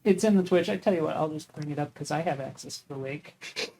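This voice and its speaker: Higher-pitched man, hesitant player. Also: fairly quick, creaky, mellow. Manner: hesitant, starts with "uh". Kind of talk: casual game chat.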